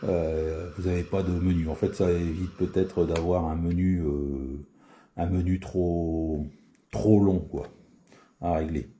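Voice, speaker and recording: Slow and mellow, a low-pitched man walks through radio settings in a casual spoken tutorial, his intonation fairly even. He's a CB radio hobbyist, and his demonstration is hesitant, packed with fillers and false starts.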